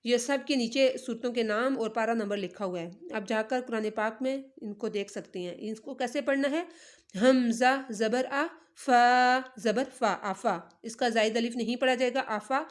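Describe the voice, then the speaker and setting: A woman teaching Quran recitation, spelling out syllables slowly one by one and then explaining the rules quickly. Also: fairly high pitch. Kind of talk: slow letter-by-letter tajweed lesson.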